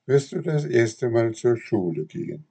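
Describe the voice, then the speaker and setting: A man's voice: medium pitch, big pitch swings, unhurried, gravelly, breathy edge, voice pushed up, heavily acted. A man voicing a wise, motherly fairy. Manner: gentle, admonishing.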